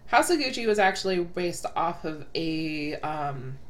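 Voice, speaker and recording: A woman co-hosting a casual podcast chat, chatty and quick to laugh, trailing off with fillers. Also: low-pitched, very animated. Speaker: podcast co-host.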